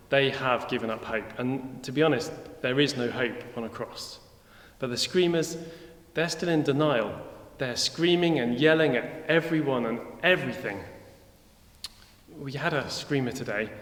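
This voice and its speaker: An actor playing a weary, chatty Roman centurion in a comic monologue, talking in a rambling, wry way. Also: male voice, mid-range voice, normal speed, a bit bright, natural voice. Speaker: actor in church children's video. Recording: echoey hall with long reverb.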